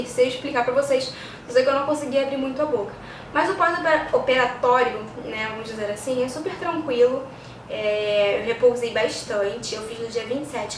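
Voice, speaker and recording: A woman with a Brazilian accent chatting casually as a vlogger, explaining things conversationally and often checking in with her listeners. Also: on the high side. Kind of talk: casual chat to camera. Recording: echoey, distant mic, clear background noise.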